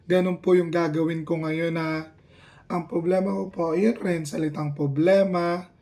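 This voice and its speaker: A man talking casually to the camera in a rambling, halting way, often restarting his sentences. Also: fairly high pitch, little pitch movement, a little mellow. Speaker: vlogger.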